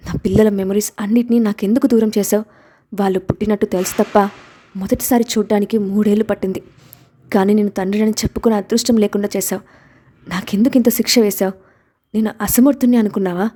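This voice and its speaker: Woman reading as a proud, possessive husband in an audio story; intense, domineering delivery in a mellow, darker tone. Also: mid-range voice, steady tone, quick pace, lightly acted. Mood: pained. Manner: intense, pleading then domineering.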